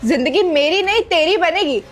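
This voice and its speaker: A woman's voice: very high-pitched, expressive, normal speed. A woman playing an arrogant young woman who insults and scolds a poor servant with contempt. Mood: scornful. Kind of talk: scripted skit acting.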